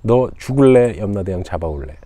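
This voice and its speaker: A man's voice: lowish voice, lively intonation, fairly quick, dark tone, no room sound, natural voice. A man playing a blustering old-time magistrate. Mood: threatening. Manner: gruff, threatening. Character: stern male magistrate, blustering, quick to threaten.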